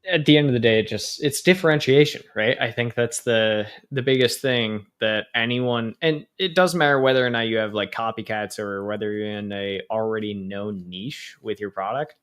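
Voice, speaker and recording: A man's voice: on the low side, moderate pace, few pauses, a bit bright, smooth. A man co-hosting a live show, chatting casually with many fillers and stammered restarts. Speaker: co-host. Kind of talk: casual live-stream chat.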